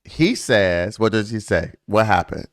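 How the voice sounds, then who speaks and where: A man's voice: fairly low pitch, expressive, measured pace. A man hosting a casual true-crime podcast, blunt and opinionated, acting out quotes in his speech. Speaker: podcast host.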